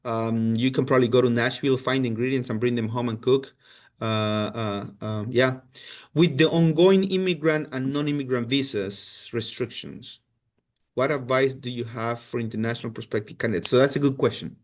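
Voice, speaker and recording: A Colombian man who represents a university answers questions on a video call during a virtual info session. His voice is mid-range and his pace normal, and his casual replies are full of restarts and fillers.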